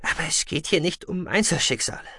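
A man's voice: fairly high pitch, animated, brisk, sharp tone, slightly rough, no echo, clean studio sound, pitched above the performer's own voice, full character voice. A man voicing a nervous but determined male alien doctor in a science-fiction audiobook, talking earnestly. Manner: nervous, then theatrically earnest.

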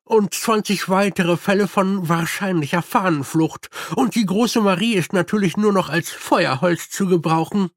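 A deadpan army captain, as a male narrator puts him on in an audiobook, slow and drily ironic, with hesitant fillers. His voice is pitched higher than the reader's own. The sound is close and dry. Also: no room sound.

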